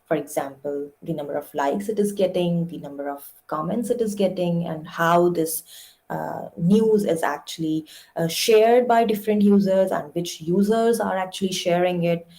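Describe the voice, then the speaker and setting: A woman's voice: fairly low pitch, moderate pace, dark tone. A young woman giving an academic lecture, explaining step by step with frequent "uh" fillers. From India. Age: young adult. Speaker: guest lecturer.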